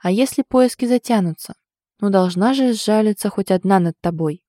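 A woman reading the part of an aunt who scolds her nephew with mock outrage but clear affection. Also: mid-range voice, normal speed, mellow, no room sound, studio quality, natural voice. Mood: fond scolding. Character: fussy fond older aunt, scolding yet loving.

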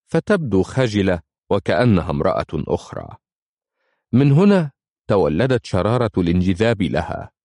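Deep-voiced man narrating a somber audiobook. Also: a little mellow, dry recording, studio quality. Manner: measured, somber storytelling. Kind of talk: scripted first-person audiobook narration.

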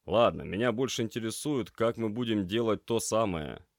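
A man's voice: fairly low pitch, normal speed, no echo, studio quality, voice pushed up, lightly acted. A man voicing a tired, grumpy young male paramedic trainee who talks in a weary, grumbling way.

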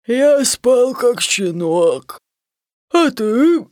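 A woman voicing an old male basset hound in a storybook, grumbling and gruff but kindly underneath. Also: big pitch swings, a little mellow, dry recording, clean studio sound, full character voice. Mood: drowsy. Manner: grumbling, drawn-out. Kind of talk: storybook reading.

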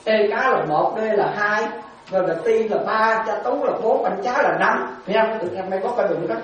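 A woman's voice: medium pitch, normal speed. A woman gives a dharma talk as a Buddhist monastic teacher. She keeps turning to her listeners with questions and repeats her key words. She sounds far from the mic, with heavy echo and a dull tone. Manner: questions the audience often, repeats phrases, laughs lightly. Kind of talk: dharma talk to lay followers. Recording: very echoey and distant, dull sound.

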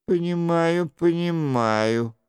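A man's voice: on the high side, slow, smooth, dry recording, clean studio sound, voice pushed up. A sulky young duke, read by a man. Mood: petulant.

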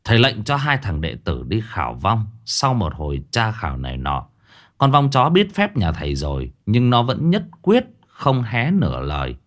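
A man's voice: lowish voice, huge pitch swings, normal speed, a bit bright. A man narrating a ghost story in a colloquial, earthy, exclaiming way.

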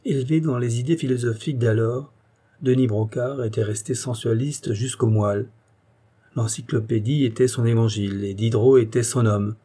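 A man with a medium-pitched voice narrates a classic novel as an audiobook, telling the story in a measured, even manner.

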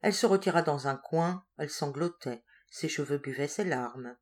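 A woman narrating a literary story in a measured, expressive reading voice. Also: low-pitched. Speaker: audiobook reader. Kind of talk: scripted narration.

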